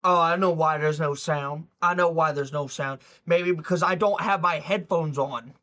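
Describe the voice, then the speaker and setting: A man's voice: fairly high pitch, moderate pace, fairly bright tone. A man streaming live, reacting to a video in loose, rambling chat, swearing and talking to his viewers.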